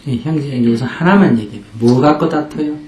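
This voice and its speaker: A man's voice: on the high side, fast talker, darkish tone. A man teaching as a Buddhist teacher in a live question-and-answer talk, blunt and coaching, repeating his questions and at times dropping almost to a whisper. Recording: roomy hall sound.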